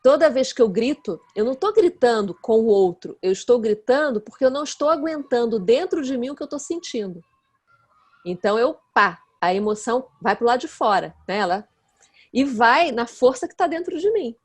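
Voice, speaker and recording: A woman, a guest expert who explains her ideas earnestly in relaxed conversation and often checks in with her listener. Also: a little high, moderate pace, breathy edge. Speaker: guest expert in nonviolent communication.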